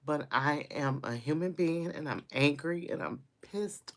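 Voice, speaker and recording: A woman's voice: low-pitched, unhurried. A woman hosting a casual live stream, venting her frustration, repeating her greetings and complaints and swearing freely.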